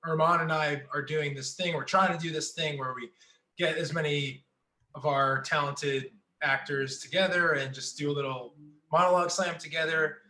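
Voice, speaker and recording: Chill guy co-hosting on a video call, bright voice, echoey room. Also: a little high, normal speed. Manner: relaxed, trails off quietly. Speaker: co-host. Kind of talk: casual hosting.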